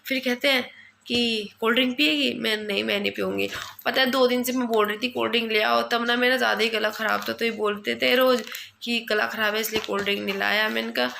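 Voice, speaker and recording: A woman's voice: fairly high pitch, steady tone, fast talker, vocal fry, bright, forceful tone, slight background noise. A young woman chatting casually at home for her family vlog, rambling along and often quoting her husband. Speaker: family vlogger. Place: at home indoors.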